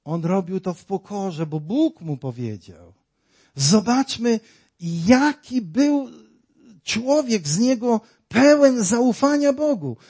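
A man's voice: high voice, expressive, slow pace, darkish tone, husky. A man preaching a sermon, dramatic and full of rhetorical questions, acting out the voices in his story.

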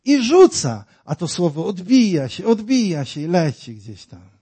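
A man's voice: high voice, big pitch swings, normal speed, dark tone, breathy edge. A man preaching a sermon, dramatic and full of rhetorical questions, acting out the voices in his story.

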